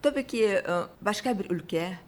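A woman from Russia with a Russian accent, telling about her own life casually in simple, halting non-native Turkish with grammatical slips. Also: mid-range voice, animated. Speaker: interview guest. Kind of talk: casual personal storytelling.

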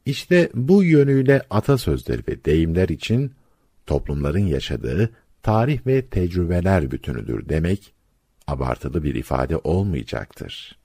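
A man narrating folk sayings and their stories for radio listeners, in a measured, didactic storytelling manner. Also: low voice, sing-song, gravelly, mellow.

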